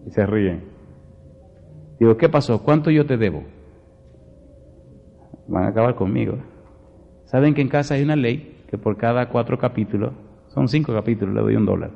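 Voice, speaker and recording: A man's voice: mid-range voice, brisk, creaky, long pauses, big-room sound, lo-fi sound. A male pastor preaching a Bible study sermon, emphatic, firing rhetorical questions at his congregation and telling folksy stories from home. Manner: folksy storytelling asides.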